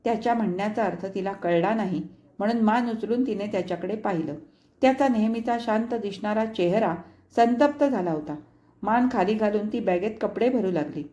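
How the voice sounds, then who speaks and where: A woman narrating a short story in a measured, expressive storytelling manner. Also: mid-range voice.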